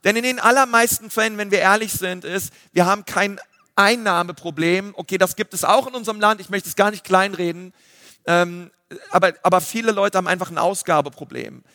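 A man, a pastor giving a lively sermon full of fillers. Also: high-pitched, a little fast, dry recording, studio quality, big-room sound. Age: 30s. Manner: lively preaching with filler words.

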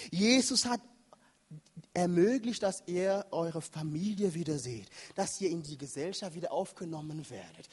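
A man preaching a sermon with passion, swinging between shouts and near whispers. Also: high-pitched, husky. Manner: impassioned, swings from shouting to hushed. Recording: long reverb of a large hall.

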